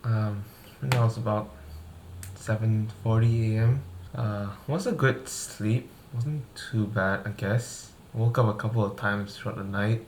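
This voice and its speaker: A man talking casually in a home vlog about his day, with a halting, hesitant delivery. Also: on the low side, fairly even intonation, a little hiss or hum. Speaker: vlogger. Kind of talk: casual cooking and recovery vlog. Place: indoor home kitchen. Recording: echoey room with music behind.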